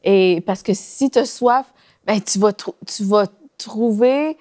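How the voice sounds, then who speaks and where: A woman's voice: medium pitch, takes it slowly, darkish tone. A woman co-hosting a faith talk show, sharing thoughtful reflections.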